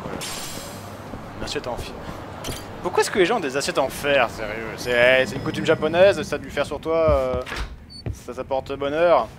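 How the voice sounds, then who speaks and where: A man's voice: medium pitch, moderate pace, long pauses, noisy background. A man giving casual commentary on a video game, ranting and swearing crudely as he plays. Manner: crude, foul-mouthed ranting. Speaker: let's play gamer. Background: game music.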